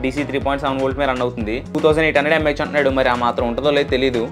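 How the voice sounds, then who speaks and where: With a steady, medium-pitched voice and rapid-fire delivery, an Indian man hosts an unboxing and product demo video. He chats casually and explains as he goes, with loud music behind him.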